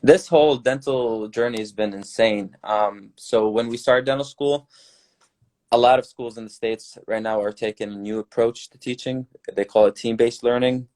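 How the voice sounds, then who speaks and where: Young guy from syria, mellow dark voice, chill earnest advice on a podcast. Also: mid-range voice, moderate pace. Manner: earnest, relaxed, advice-giving. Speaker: newly graduated dentist guest. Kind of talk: casual podcast chat.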